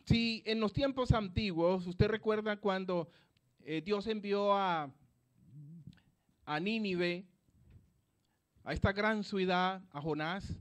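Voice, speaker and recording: A man preaching a sermon at an evangelistic campaign, emphatic and repeating his phrases, swinging between loud declarations and soft asides. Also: sits high.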